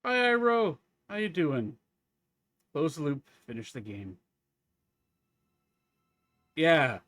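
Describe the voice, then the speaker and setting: A man's voice: a little high, very animated, slow pace, fairly bright tone, dry recording, studio quality, soft background music. A man giving casual live commentary as he streams a game.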